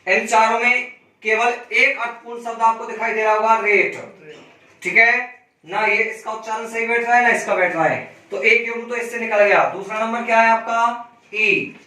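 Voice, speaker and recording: A man teaching a reasoning class, spelling out letters slowly and asking students questions he then answers himself. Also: very high-pitched, fairly even intonation, pushed and bright, distant mic. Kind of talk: classroom lesson. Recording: echoey room, voice from off-mic.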